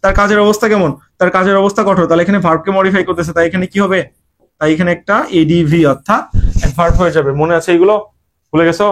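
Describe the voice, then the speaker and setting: In this online admission-prep class, a young Bangladeshi Bengali-accented man covers English grammar very fast, peppering students with rhetorical questions. His high voice is a bit bright and keeps a steady tone.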